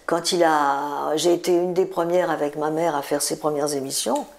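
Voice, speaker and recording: A woman's voice: sits low, steady tone, moderate pace. A woman in her seventies, a singer, telling stories in a chatty interview, repeating words for emphasis. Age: 70s. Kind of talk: relaxed interview storytelling.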